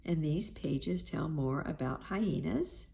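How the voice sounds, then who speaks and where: A woman reads a children's storybook aloud in a low, unhurried voice. Her narration is gentle and measured, with a gravelly fry at the ends of her phrases. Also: animated. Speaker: storybook reader.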